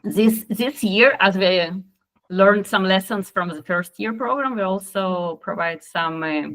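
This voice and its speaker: A woman presenting a master's program online, measured and a bit hesitant, with fillers. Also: medium pitch, a bit bright, rough recording.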